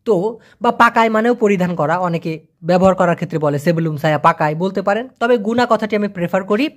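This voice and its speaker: A language teacher from Bangladesh giving an online lesson, patiently repeating phrases slowly and encouraging learners along the way. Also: medium pitch.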